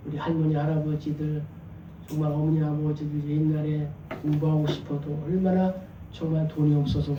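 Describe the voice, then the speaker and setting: A man's voice: fairly high pitch, darkish tone, dull audio, slight background noise. A male pastor preaching a sermon in a conversational way, asking rhetorical questions and joking with the congregation. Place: church sanctuary. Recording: echoey church from a distance.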